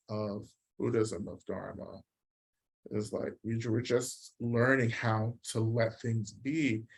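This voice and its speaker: A man teaching a Buddhist practice session, explaining ideas in a reflective way and often checking in with "right?". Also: mid-range voice. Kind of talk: dharma talk answering questions.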